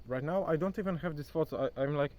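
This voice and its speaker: This young man's voice runs on the high side, quick-paced and a little mellow, as he vlogs into his phone in a rural spot by a forest. Not a native English speaker, he keeps it chatty and loose, calling the viewer "bro." Insects and nature sounds hum faintly in the background.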